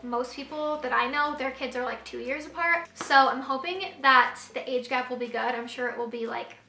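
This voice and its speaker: Young woman vlogger, high voice, chatty story time, bit out of breath, echoey room. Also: moderate pace, sharp tone, a little hiss or hum. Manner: chatty, lots of "like" fillers. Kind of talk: casual story time vlog.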